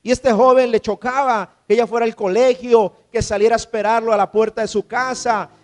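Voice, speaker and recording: High-voiced man preaching a sermon. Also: steady tone, brisk. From Colombia. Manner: preaching with rhetorical questions to the congregation. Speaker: pastor. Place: church.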